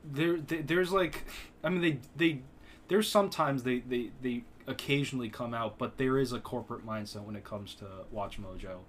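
A man's voice: medium pitch, moderate pace, slight background noise. A young man co-hosting a podcast in casual chat, rambling and self-mocking, often restarting his sentences. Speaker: podcast co-host.

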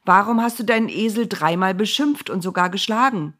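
A woman's voice: mid-range voice, fairly quick, a bit bright, voice pushed up, close to an everyday voice. A woman voicing a stern male angel with a flaming sword. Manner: stern, unmoved.

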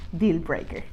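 A young married woman co-hosting a casual chat, expressive and quick with interjections. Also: fairly low pitch, muffled recording. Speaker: co-host.

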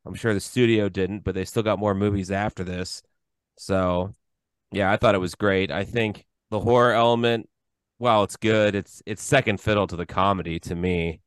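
Smooth-voiced man chatting about films. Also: on the low side, steady tone, normal speed, no echo. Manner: enthusiastic, rambling with restarts. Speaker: podcast co-host. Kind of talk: casual film review chat.

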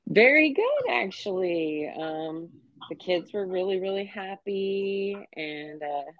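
A woman in her forties co-hosts a podcast, chatting casually and freely in a slow, sing-song, mid-range voice. She laughs easily and uses many fillers. The sound is lo-fi with no echo.

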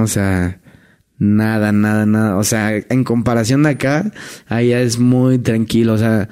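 A man's voice: mid-range voice, a little mellow. Chatty Mexican man telling stories. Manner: chatty, peppers speech with tag questions and restarts. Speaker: guest, former hotel entertainer. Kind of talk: casual storytelling chat.

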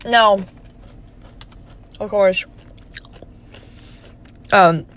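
A woman's voice: medium pitch, very slow, a bit bright. A young woman hosting a casual solo podcast, rambling with lots of fillers and casual swearing, laid-back but getting indignant. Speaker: podcast host.

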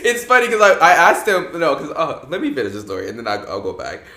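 A young man hosting a podcast, telling a story in a casual, animated way, laughing often and swearing freely. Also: on the high side, fast, heavy background noise. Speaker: podcast host. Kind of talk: casual chat. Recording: echoey room.

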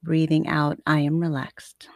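A woman guiding a sleep meditation like a sleep story narrator, soothing and unhurried, with long pauses between short phrases. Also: low-pitched, completely flat delivery, creaky, a little mellow, no room sound, clean studio sound. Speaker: yoga nidra meditation teacher.

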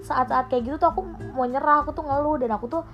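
Talking quickly in a high voice, a young woman co-hosting a podcast opens up about her struggles in a casual late-night chat, emotional and candid with many fillers. The highs are cut off, and faint music plays behind her.

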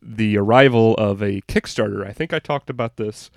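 A man's voice: on the low side, normal speed, vocal fry, no echo, clean studio sound. Man talking from inside a closet. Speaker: podcast co-host. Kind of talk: casual podcast chat. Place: recording inside a small closet at home.

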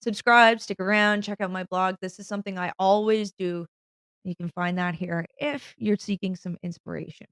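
A woman hosting a video podcast on spiritual growth, talking in a warm, smiling, earnest way. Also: medium pitch, steady tone, normal speed, clear, resonant tone, dry recording, studio quality. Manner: upbeat, earnest, smiling delivery. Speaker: podcast host and spiritual guide. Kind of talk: casual spiritual podcast talk.

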